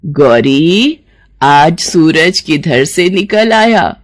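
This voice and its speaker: Woman doing a low-voiced stern mother-in-law. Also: animated, drawn-out words, heavily acted. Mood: teasing. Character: stern middle-aged mother-in-law, later remorseful.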